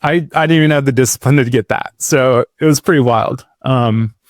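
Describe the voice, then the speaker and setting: Speaking a little fast in a mid-range voice, this man in his thirties rambles through his life story as a podcast guest. It's a casual storytelling interview; he's laid-back and leans heavily on "like" and "dude." The studio-quality audio has no echo.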